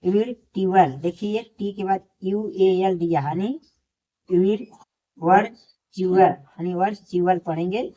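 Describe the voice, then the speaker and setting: A woman's voice: on the low side, steady tone, a little slow, hardly any pauses, dark tone. A woman teaching English pronunciation in a classroom lesson, spelling out each word letter by letter and then repeating the correct form. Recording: dull lo-fi recording.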